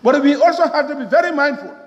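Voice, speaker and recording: Gambian woman mp doing a parliament speech, really high voice, repeats herself for emphasis, muffled echoey chamber. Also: fast talker. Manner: emphatic, rhetorical, repeats phrases. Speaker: member of parliament. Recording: echoey, reverberant hall, muffled.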